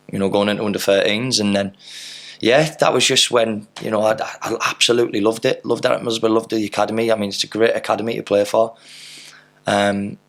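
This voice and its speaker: A man in his thirties with a low, gravelly voice. He tells long, loose anecdotes in a casual interview, full of fillers and the odd swear word, and his delivery stays flat and even throughout. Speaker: podcast guest, footballer.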